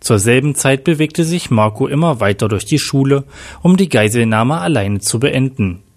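A man narrating a story with plain, steady reading. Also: medium pitch, normal speed. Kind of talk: read-aloud story narration.

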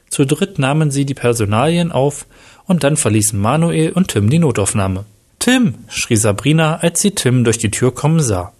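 A man reading a story aloud in an even, plain way. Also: medium pitch. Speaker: narrator.

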